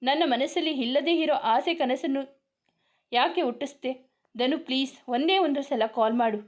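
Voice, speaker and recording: A heartbroken young wife from a spoken romance, pleading and longing, read by a woman. Her voice sits fairly high and sounds tearful. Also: moderate pace, natural voice.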